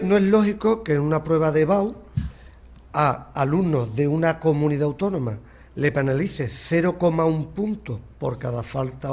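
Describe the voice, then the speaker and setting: A man argues his case in a radio studio debate, firm and ready to cut in. His voice is a touch high for a man. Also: darkish tone. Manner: firm, interrupting, argumentative. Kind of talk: studio debate, arguing a point.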